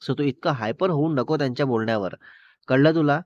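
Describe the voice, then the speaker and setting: A man's voice: mid-range voice, fairly quick, no room sound, close to an everyday voice. A man voicing a spirited young woman who scolds and pleads with her boyfriend, in a dull, dry recording. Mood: scolding.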